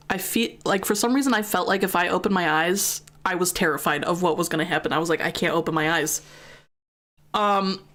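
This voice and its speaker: A woman's voice: mid-range voice, fairly bright tone. Chatty young woman telling a ghost story. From American. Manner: chatty, many fillers and swearing. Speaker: gaming streamer. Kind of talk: casual storytelling while streaming.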